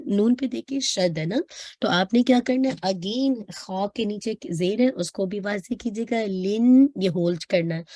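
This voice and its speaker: A woman teaching Quran recitation rules step by step, often checking in with "okay", and reciting Arabic words slowly and drawn out. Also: mid-range voice, a little mellow, no echo. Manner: explains step by step in Hindi-English mix, repeats "thik hai". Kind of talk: online tajweed lesson.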